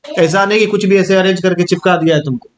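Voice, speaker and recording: Over slight background noise, a young man with a high, steady voice moves at a quick pace through a classroom-style Hindi grammar lesson. He pronounces every sound to demonstrate it and continually checks his students are following.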